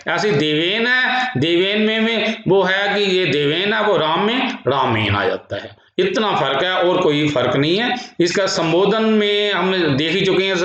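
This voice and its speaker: A male teacher from India giving a grammar lecture, chanting word forms slowly in a singsong drill and explaining them. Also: on the high side, a bit bright. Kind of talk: classroom lecture with recitation. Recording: echoey room, dull lo-fi sound.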